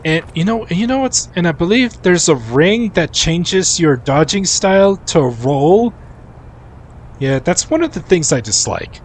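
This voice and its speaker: A man's voice: a little high, measured pace, a little hiss or hum. A man in his forties chatting casually and rambling, restarting sentences while he live-streams a game. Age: 40s. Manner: rambling, animated, restarts often.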